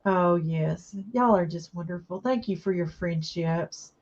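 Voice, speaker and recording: A woman's voice: fairly low pitch, a little slow, lo-fi sound. A woman, teary and emotional, chatting with viewers and answering their comments during a craft live stream. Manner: warm, emotional, reads viewer comments aloud and answers them.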